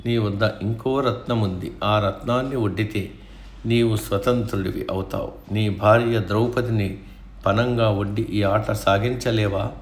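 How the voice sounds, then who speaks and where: A man's voice: fairly low pitch, steady tone, unhurried, lightly acted. A man voicing a cunning, taunting older gambler in a storybook reading of an epic. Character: cunning scheming older male uncle, gloating gambler.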